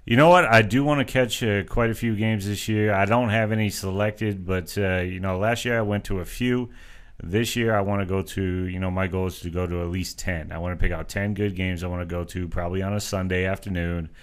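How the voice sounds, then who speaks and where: A man's voice: low-pitched, steady tone, a little fast, smooth. A man from the area, co-hosting a casual sports talk show in an easygoing way. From Boston area. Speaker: co-host.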